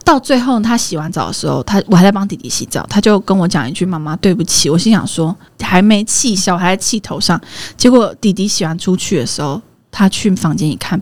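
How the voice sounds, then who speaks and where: A woman's voice: medium pitch, no echo. A woman in her thirties, a guest in casual chat, telling family stories and acting out the voices of the people in them.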